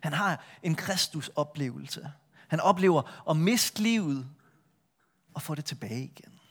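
A middle-aged man preaching a sermon, retelling a Bible story with lively shifts between a full voice and a soft hush. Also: a little high. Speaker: pastor.

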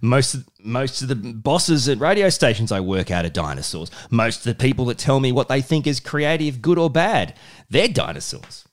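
A man's voice: medium pitch, big pitch swings, moderate pace. A man hosting a casual podcast chat with a child, patiently prompting with questions and simple explanations. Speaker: podcast host, father talking with his child.

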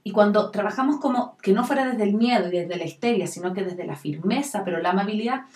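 A woman hosting a casual chat and calmly recounting a workshop story. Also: medium pitch, fast. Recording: roomy echo, distant mic.

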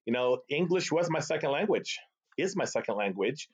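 A middle-aged sales executive from the Boston area, USA, with a Boston accent and Arabic as his first language, is a guest in a casual storytelling interview. His voice is a little high and husky at normal speed, animated and chatty, often tagging on "right?". The call audio is slightly dull and lo-fi.

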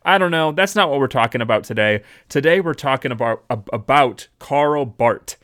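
A man's voice: medium pitch, expressive, moderate pace, fairly bright tone. A man hosting a casual theology podcast, chatty and joking as he rambles through the intro. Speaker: podcast host.

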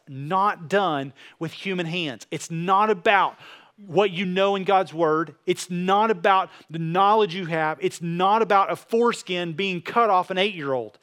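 A male preacher speaks in a rather high voice for a man. He addresses listeners earnestly and directly, building his sermon with repetition and rhetorical questions. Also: a bit bright. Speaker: pastor preaching.

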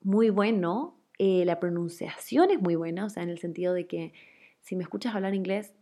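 A young woman with an Ecuadorian Guayaquil accent speaks in a fairly low, warm voice at a moderate pace. Hosting a casual chat, she answers listener questions with frequent fillers and laughs.

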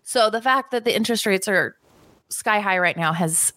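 A woman co-hosts a podcast in an enthusiastic, chatty way, pausing often on fillers. Her pitch is in the middle range. The recording is dry and close, with no room sound. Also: sharp tone, dry recording. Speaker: podcast co-host. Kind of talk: casual podcast chat.

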